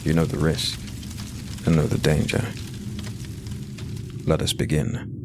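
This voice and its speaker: Reading a dark fantasy audiobook, this narrator speaks in an extremely deep voice with a steady, scripted, ominous measure to it. The audio carries an obvious underlying hiss.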